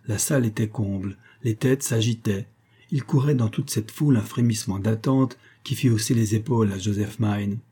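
A man reading a tale as an audiobook in a measured, steady way. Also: on the low side, husky. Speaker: audiobook reader.

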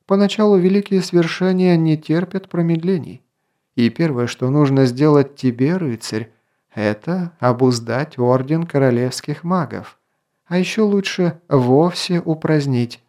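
A man's voice: fairly high pitch, measured pace, warm tone, voice pushed up, close to an everyday voice. A man voicing a solemn, commanding elf sage. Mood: weighty.

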